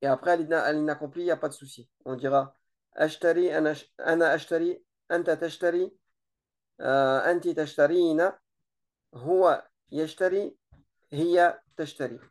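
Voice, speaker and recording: A relaxed teacher giving an informal grammar lesson, explaining slowly with many hesitations and repeated words. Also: mid-range voice. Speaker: Arabic teacher.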